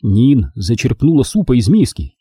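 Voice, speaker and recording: A man narrating an audiobook in an even storytelling manner. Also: mid-range voice, moderate pace, husky, no room sound, studio quality.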